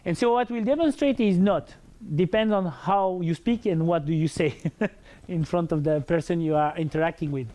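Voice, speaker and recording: A researcher with a French accent gives an academic lecture in a big, full voice that's a little high and dark in tone. He moves at a moderate pace but speaks hesitantly, with many fillers and restarts.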